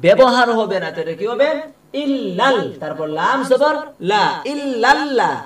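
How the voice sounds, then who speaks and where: A man teaching Quran reading, spelling out words letter by letter, asking questions and answering them himself, and slowly chanting the verses. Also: sits high, animated, a bit bright, reverberant, distant mic. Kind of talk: spelling out a recitation lesson.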